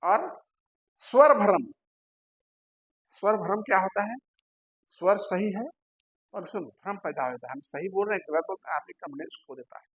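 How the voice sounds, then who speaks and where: A man teaching a lecture, posing questions to his listeners and answering them himself, repeating key terms slowly. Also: high-pitched, expressive, fairly bright tone, husky, rough recording. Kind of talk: classroom lecture.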